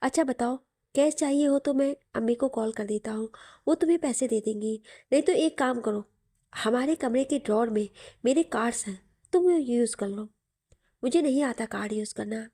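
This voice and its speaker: A woman's voice: a little high, normal speed, warm tone, dry recording, studio quality. A woman narrating a romantic audio story and voicing both lovers in their dialogue.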